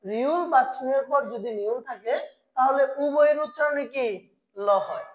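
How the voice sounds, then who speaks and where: A woman with a high voice teaches Korean pronunciation in an online lesson, asking questions and then answering them herself. She repeats key sounds slowly for her learners. The recording is rough.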